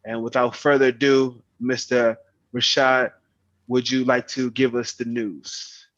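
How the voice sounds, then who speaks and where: Brief: young male meeting host, earnest, mid pitch, dull lo-fi video call audio. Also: level tone, a little slow, a bit bright. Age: young adult. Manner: earnest, repeats words when starting. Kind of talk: online meeting address.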